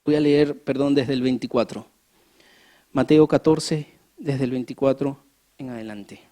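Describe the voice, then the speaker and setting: Preacher mid-sermon, animated storyteller, rhetorical questions to the congregation. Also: mid-range voice, measured pace. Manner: acts out scenes with rising emphasis. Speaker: pastor. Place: church.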